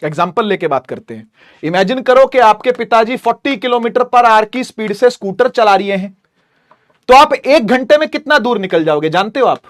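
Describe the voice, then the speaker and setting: Young male tutor, high voice, energetic, repeats and quizzes students constantly. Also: normal speed. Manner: energetic, repetitive, questions students directly. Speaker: teacher. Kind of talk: online lecture.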